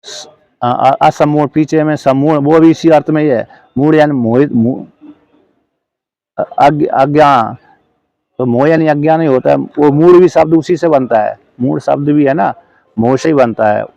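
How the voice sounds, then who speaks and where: A man's voice: a little high, vocal fry, dark tone, dry recording, muffled recording. A man teaching scripture in a lesson, explaining a commentary word by word, often breaking off to correct himself and asking his listeners if they follow. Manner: halting, self-correcting, checks in with listeners; slow chanted verse recitation.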